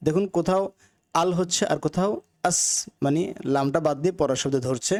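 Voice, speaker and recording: A man's voice: on the high side, brisk, a little mellow. A man teaching a recorded Arabic grammar lesson, carefully sounding out words and repeating them with their meanings for learners. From Bangladesh. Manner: repeats phrases for learners to follow.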